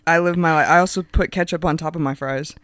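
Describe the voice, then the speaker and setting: A woman's voice: low voice, fairly even intonation, quick pace, a bit bright, dry recording. A young woman with a congested, stuffy nose chatting casually and bluntly as a podcast co-host. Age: young adult. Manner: blunt, playfully opinionated. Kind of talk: casual chat.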